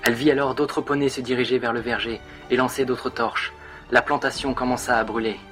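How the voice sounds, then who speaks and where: A man narrating a dramatic fan story in an expressive, theatrical way. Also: medium pitch, brisk, soft background music.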